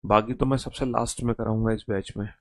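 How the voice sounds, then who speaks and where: A man's voice: lowish voice, steady tone, fast, dry recording. Coaxing Hindi-speaking male teacher. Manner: coaxing, repetitive, calls students beta. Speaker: English teacher. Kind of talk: online class lesson.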